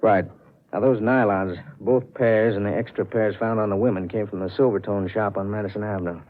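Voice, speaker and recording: A man playing a brisk, authoritative police inspector in a 1940s radio drama, clipped and businesslike. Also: fairly low pitch, steady tone, lightly acted. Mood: urgent, decisive. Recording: narrow, muffled vintage radio recording.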